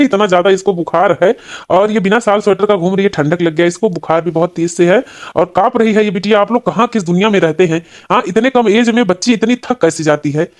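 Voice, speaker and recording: A woman's voice: lowish voice, a little mellow, lightly acted. A woman voicing a stern, middle-aged male village doctor in a cartoon, scolding yet reassuring. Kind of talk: cartoon voice acting.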